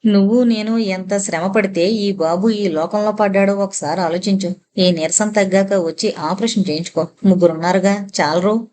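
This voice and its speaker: A woman narrator voicing a caring woman doctor who is also a mother, speaking gently. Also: medium pitch, fairly even intonation, moderate pace, slight background noise, natural voice. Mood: scolding gently.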